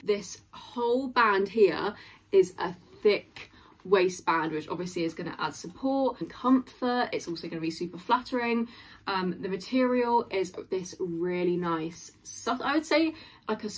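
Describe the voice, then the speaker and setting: A young woman in her twenties chatting through a clothing haul in her bedroom, gushing and full of likes and ums. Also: medium pitch. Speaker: fashion haul vlogger. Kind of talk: casual try-on haul chat. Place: small bedroom, indoors.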